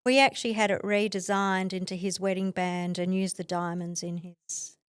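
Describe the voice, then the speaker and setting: A middle-aged Australian woman telling her story as a podcast guest, animated, laughing often and acting out what others said. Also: medium pitch, normal speed, clean tone, dry recording, clean studio sound. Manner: animated, acts out quoted voices, laughs often. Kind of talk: conversational storytelling.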